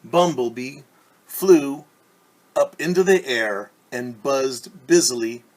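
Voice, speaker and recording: In a medium-pitched voice, a male teacher reads a picture book aloud, stopping to ask the children questions and explain things in simple terms. The audio quality is poor.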